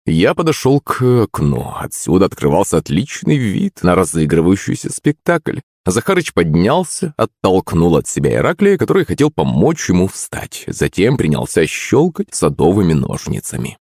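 A man's voice: deep voice, huge pitch swings, normal speed, hardly any pauses, darkish tone, no echo, studio quality. A man narrating a story in the first person with a wry, ironic manner.

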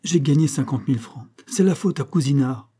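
A man's voice: medium pitch, expressive, fairly quick, mellow, husky, voice pushed up. A man voicing a timid, sheepish husband confessing to his wife. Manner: sheepish, dejected. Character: meek, dazed timid husband.

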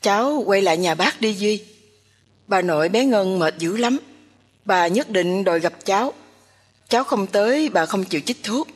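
A woman's voice: medium pitch, expressive, moderate pace, breathy edge. A woman voicing a worried older woman who pleads in a trembling voice. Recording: long hall reverb.

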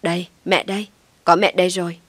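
A woman's voice: fairly low pitch, level tone, quick pace, no echo, natural voice. A woman voicing a doting older mother-in-law who talks in a soothing, fretful way.

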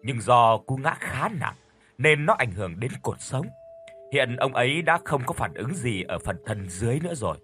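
A man voicing a middle-aged doctor who delivers bad news in a formal, soothing, steady way. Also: mid-range voice, moderate pace, soft background music. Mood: calm. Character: calm male doctor, middle-aged, measured.

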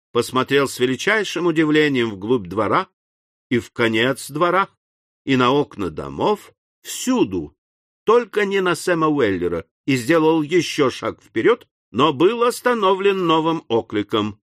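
A man narrating an audiobook in an expressive, dramatic style. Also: mid-range voice, measured pace, no room sound, clean studio sound. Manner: lively, dramatic reading.

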